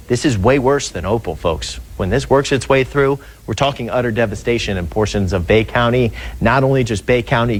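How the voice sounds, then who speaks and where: A man with a medium-pitched voice delivers live storm coverage as a weather forecaster. He ad-libs his warnings in a grave, emphatic way, addressing the audience directly. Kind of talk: live hurricane coverage, ad-libbed.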